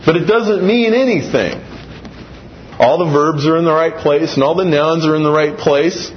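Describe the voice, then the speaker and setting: Man lecturing with animated inflection. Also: a little high, moderate pace. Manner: animated, acts out example sentences with varied inflection. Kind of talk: classroom lecture with slides. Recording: dull, slightly muffled recording with faint room noise.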